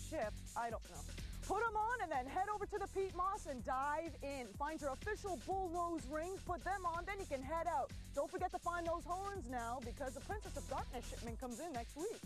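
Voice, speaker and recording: A young woman presenting scripted comic game show instructions outdoors. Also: high-pitched. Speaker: challenge presenter. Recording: music behind.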